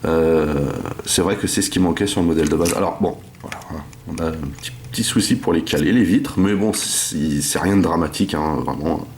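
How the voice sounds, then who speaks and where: A man reviewing a toy in a casual, hesitant way, filling his sentences with pauses and filler words. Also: deep voice, darkish tone, slight background noise.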